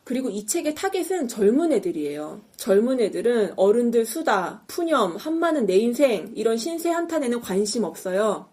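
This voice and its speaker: A woman voicing a frustrated young woman novelist who lectures her elders in a slow, firm, insistent way. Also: a little high, very animated, dark tone.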